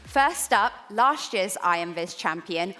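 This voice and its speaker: Bubbly lively female stage host. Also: medium pitch, unhurried. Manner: bubbly, punny. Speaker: co-host of live competition. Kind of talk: energetic stage hosting. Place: conference stage. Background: music.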